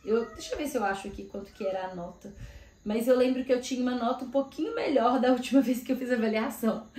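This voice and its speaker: A woman's voice: a little high, quick pace, darkish tone. A woman from Brazil in her thirties, a career mentor talking casually to camera and thinking aloud with lots of filler words. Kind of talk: casual vlog talk to camera. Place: home room in Australia. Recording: echoey room.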